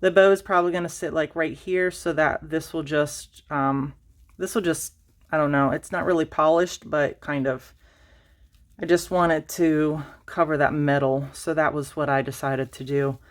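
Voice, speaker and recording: Her voice is low with fairly even intonation and a normal speed. Hosting a laid-back craft tutorial for her channel, this woman wanders off track, makes fun of herself, fills in with lots of fillers and restarts, and is a little short of breath.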